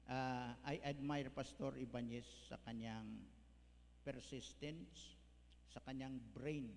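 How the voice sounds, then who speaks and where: A man's voice: medium pitch, steady tone, takes it slowly, darkish tone. A male pastor, preaching a folksy sermon that mixes in English words. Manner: folksy, mixes English, tags lines with "ano?". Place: church hall. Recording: echoey church hall, faint hum.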